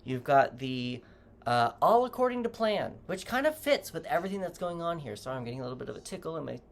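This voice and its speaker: Tarot reader, casual reading to camera, rambling and self-correcting, gentle advice, middling pitch, faint background noise. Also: expressive, fast talker. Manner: gently advising, speaking straight to the viewer.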